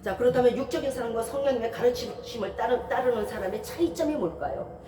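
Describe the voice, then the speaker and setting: A woman's voice: on the high side, expressive, fast talker, dark tone, distant mic, a little hiss or hum. Woman pastor preaching in a roomy church. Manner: conversational, asks many rhetorical questions; briefly acts out the voices of people in stories. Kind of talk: Sunday sermon. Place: church sanctuary.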